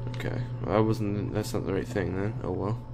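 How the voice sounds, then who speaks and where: A man's voice: on the low side, fairly even intonation, moderate pace, vocal fry, noisy background. A scared, sweary man giving live commentary as he plays a horror game, muttering and exclaiming. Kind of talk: horror let's play commentary, reacting live while playing.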